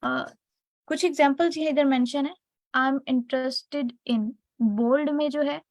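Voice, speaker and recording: Woman, Pakistani accent, online teacher, slightly high voice, dry close sound, explains step by step. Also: no room sound, rough recording. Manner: explains step by step, checks in with students often. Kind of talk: online class lecture.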